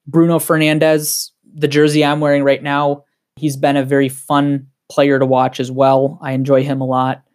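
A man with a Wisconsin accent, a guest on a casual podcast, talking in an excited, heated, rambling way. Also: fairly high pitch, normal speed.

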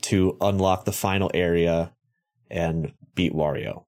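A man's voice: sits low, steady tone, a little slow, a little mellow. A man co-hosting a podcast in casual chat, rambling and joking, swearing freely and correcting himself as he goes. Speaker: podcast co-host.

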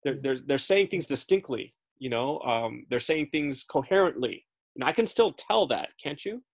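An expressive, mid-range male voice at a moderate pace leads a relaxed, talkative Bible study. He's a first-language English speaker who often pauses to check in with his audience, uses lots of fillers, and corrects himself along the way.

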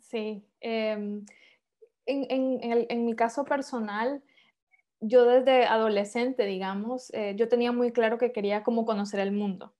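A woman's voice: fairly high pitch, fairly even intonation, measured pace, warm tone. A woman in her thirties with a Honduran accent, chatting as a podcast guest, with many fillers and restarts. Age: 30s. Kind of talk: casual interview chat.

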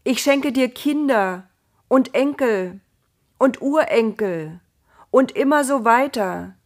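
A woman's voice: on the high side, animated, slow, pitched above the performer's own voice, exaggerated voice. A woman voicing a lofty divine voice in a storybook, raised, solemn and emphatic. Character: lofty divine voice making grand promises. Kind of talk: storybook narration.

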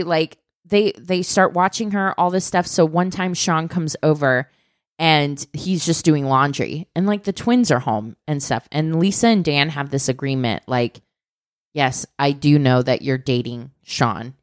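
Low-voiced woman telling a true crime tale. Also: unhurried, no room sound, clean studio sound. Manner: animated, swearing, fillers like "like". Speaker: podcast co-host telling a true crime story. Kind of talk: casual storytelling chat.

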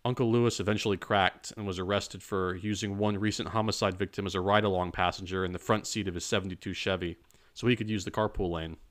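A man narrating a dark crime story in a measured, even storytelling manner. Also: low voice. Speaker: audiobook narrator. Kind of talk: scripted narration.

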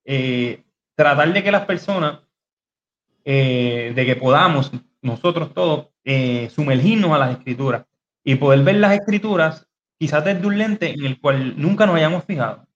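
Man podcast host, higher voice, lo-fi. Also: expressive, unhurried, a little hiss or hum. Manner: hesitant, many fillers and restarts, laughs easily. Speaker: podcast host teaching biblical Greek. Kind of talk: casual teaching chat on a podcast.

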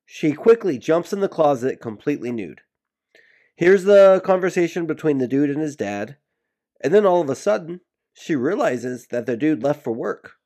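A man co-hosting a podcast, telling stories in an animated, joking way in a casual chat. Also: fairly high pitch, moderate pace. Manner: animated storytelling with laughs. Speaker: podcast co-host.

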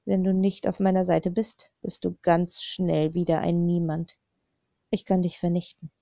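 A woman's voice: lowish voice, level tone, unhurried, vocal fry, mellow, no room sound. A woman voicing a man who stalks and threatens a young woman, mocking and coaxing in turn, on a slightly dull recording.

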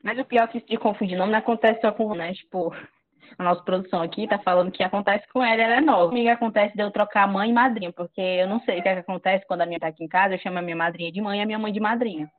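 A woman talks quickly and chattily in a casual group conversation. The recording sounds dry and slightly lo-fi. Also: mid-range voice, steady tone, dry recording. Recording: dull lo-fi sound.

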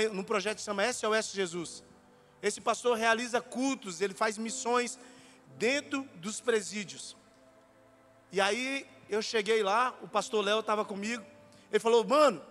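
A man's voice: high-pitched, long reverb tail. A man preaching a sermon in a church, telling stories animatedly and acting out the dialogue. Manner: animated, acts out dialogue, sometimes shouts. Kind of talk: sermon with storytelling.

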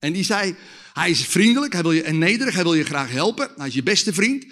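A man preaching a sermon with testimony, leading lively call-and-response with the audience and shouting at the climaxes. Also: fairly high pitch, brisk.

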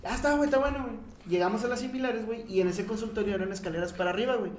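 Mexican man, high voice, casual storytelling, echoey room, swears a lot. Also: rapid-fire, crowd noise. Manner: slangy, swears a lot, acts out quotes loudly.

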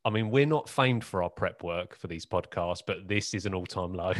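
Low-voiced male podcast host, relaxed self-mocking banter, dry close mic. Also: normal speed, no echo. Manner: joking, self-deprecating, laughs often. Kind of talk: casual chat.

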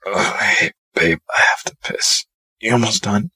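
An actor playing an eager young boyfriend who speaks low and coaxing in an audio drama. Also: male voice, a little slow, pushed and bright, husky, no room sound, heavily acted. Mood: casual.

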